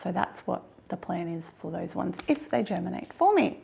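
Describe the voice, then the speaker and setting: An Australian woman with a husky, hoarse voice today, chatting casually to camera about her garden, self-deprecating and laughing often. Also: on the low side, big pitch swings, normal speed, warm tone. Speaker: gardening vlogger.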